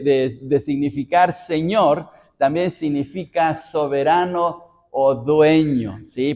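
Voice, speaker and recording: A male pastor from Mexico teaches a Bible study in a fairly high voice, explaining step by step. He often checks in with his listeners and sometimes repeats words while he gathers his thoughts. The recording sounds dull and lo-fi. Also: a little mellow. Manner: explanatory, checks in with the audience by asking "¿sí?".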